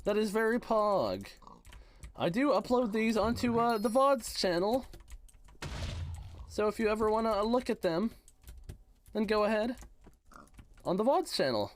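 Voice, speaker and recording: A man chats on a livestream with a bouncy, animated voice that rises and falls a lot. He teases his viewers in playful gamer slang. His voice sounds worn and a little hoarse. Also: high voice, unhurried, pauses often, a little hiss or hum. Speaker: game streamer. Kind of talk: casual livestream chat, reading chat aloud.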